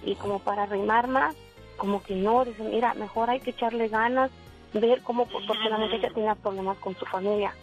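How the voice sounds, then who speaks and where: A woman's voice: mid-range voice, fairly even intonation, a little fast, faint music behind. A woman in her forties calling into a radio show, telling a personal story at length and quoting the lines of the people in it. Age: 40s. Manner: rambling storytelling, quoting dialogue. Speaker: caller. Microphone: telephone. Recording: dull phone line.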